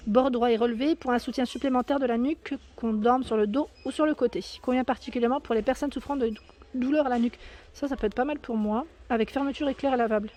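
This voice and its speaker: A woman's voice: a little high, a little mellow. A woman filming a casual walkthrough of a store, reading out prices, sizes and labels with small fillers and self-corrections. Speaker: shopping vlogger. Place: inside a large discount store.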